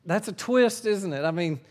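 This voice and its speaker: A middle-aged man preaches a sermon earnestly, swinging between forceful emphasis and hushed, low phrases.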